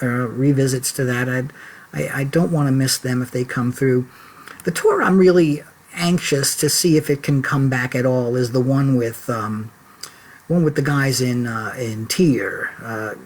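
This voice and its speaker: A man hosting a casual livestream check-in from his laptop at home, rambling and chatty with lots of fillers and restarts. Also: medium pitch. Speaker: website founder and host of a live check-in. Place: home office. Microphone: laptop mic.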